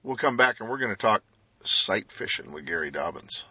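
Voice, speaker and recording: A man hosting a casual radio talk, speaking haltingly with frequent hesitations and pauses. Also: on the low side, lively intonation, pushed and bright, breathy edge, dry recording, lo-fi sound. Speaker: radio show host. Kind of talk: casual fishing interview and sponsor reads.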